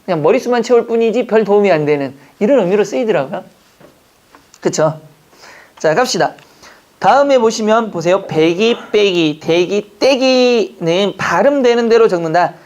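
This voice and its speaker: A man from Jeju Island teaching an exam-prep language class, chatting, joking and quizzing his students with quick questions. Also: high-pitched, lively intonation, a little mellow. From Jeju Island, Korea. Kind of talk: classroom lecture. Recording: dull lo-fi lecture recording.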